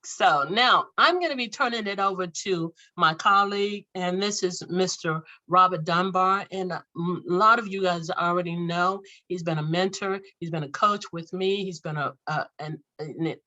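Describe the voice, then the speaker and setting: A woman hosting an online business event, handing over to a colleague with warm praise and a few halting restarts. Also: lowish voice, muffled recording. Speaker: event host. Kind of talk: introducing a speaker.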